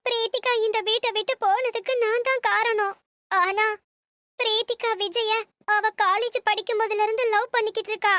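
A very high, bright anxious young wife. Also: female voice, fairly even intonation, normal speed, no room sound. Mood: explaining. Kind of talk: cartoon voice acting.

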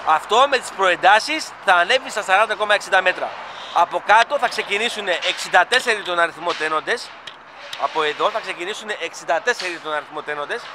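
A man's voice: high voice, animated. A man with a Greek accent filming a construction site, chatting enthusiastically to his viewers as he walks with his camera. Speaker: fan vlogger filming a stadium construction site. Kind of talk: casual handheld vlog commentary. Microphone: camera mic, filming handheld. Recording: outdoor site noise behind.

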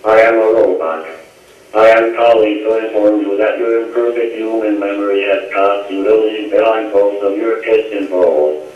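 A man voicing a monotone robot that leaves a lovesick voicemail, with a stiff, flat robot voice played back on an answering machine. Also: fairly low pitch, normal speed. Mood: deadpan. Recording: echoey tinny answering machine playback from far off.

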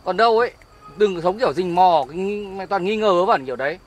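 A curt, defensive orchard owner with a Northern Vietnamese accent, acted by a man, brushing off accusations at a very fast clip. His voice sits fairly high, recorded outdoors for an amateur skit. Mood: dismissive. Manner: dismissive, curt.

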